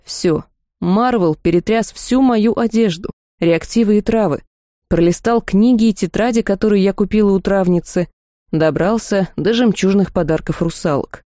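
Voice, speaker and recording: Mellow-voiced woman reading a fantasy novel. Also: medium pitch, dry recording, clean studio sound. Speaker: audiobook narrator. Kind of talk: first-person fantasy narration.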